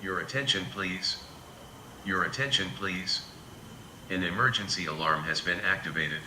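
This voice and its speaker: A man reading a calm, measured emergency evacuation announcement, played back through a small loudspeaker. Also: low voice. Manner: calm, measured, repetitive public-address delivery. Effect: played over a small loudspeaker. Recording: echoey speaker playback with faint noise.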